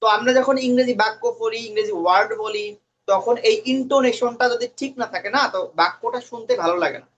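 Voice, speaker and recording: A man's voice: very high voice, fast, a bit bright. Male teacher, lo-fi sound. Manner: quizzes students, mixes English words into his talk. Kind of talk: classroom English lesson. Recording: dull lo-fi recording.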